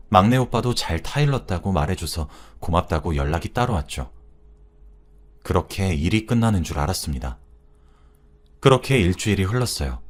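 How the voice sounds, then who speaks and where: A man narrating a first-person story in a calm, scripted storytelling manner. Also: deep voice.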